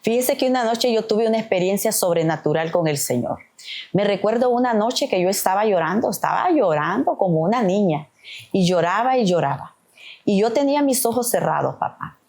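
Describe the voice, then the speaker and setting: A woman's voice: medium pitch, animated, a little fast, darkish tone. A middle-aged woman, a podcast guest, giving an earnest, emotional testimony of faith, often calling the host "papá".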